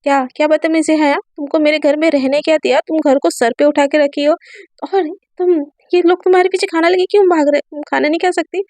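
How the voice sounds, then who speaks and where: A woman's voice: sits high, steady tone, fast talker, no echo, close to an everyday voice. A woman voicing a domineering, possessive young woman who bosses and threatens others in a storybook tale. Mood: bossy scolding. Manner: bossy, threatening, commanding.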